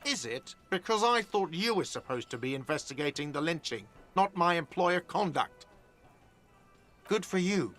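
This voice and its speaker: Game role: whiny, defensive cafeteria manager, petulant and sarcastic. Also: male voice, on the high side, expressive, normal speed, a bit bright, faint music behind.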